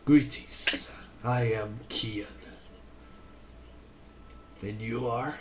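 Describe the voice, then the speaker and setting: A man voicing a huge, sly young veteran warrior in a tabletop game, with a gruff voice and courteous manner. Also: medium pitch, steady tone, extremely slow, slight background noise. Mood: polite. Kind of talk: tabletop role-play character voice.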